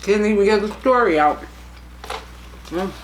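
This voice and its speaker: Slow-talking chatty woman. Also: medium pitch, animated, roomy sound, slight background noise. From Brooklyn, New York. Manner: chatty, folksy, talks while eating. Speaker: mukbang vlogger. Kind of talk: casual eating chat. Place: home room.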